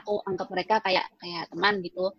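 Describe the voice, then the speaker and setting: A woman's voice: on the low side, steady tone, fast, breathy edge, lo-fi sound. A woman in her twenties from East Java, a teacher chatting in an interview and telling her story. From Malang, East Java. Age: 20s. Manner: chatty storyteller, mimics her own past thoughts. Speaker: guest, vocational school teacher. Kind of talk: casual interview.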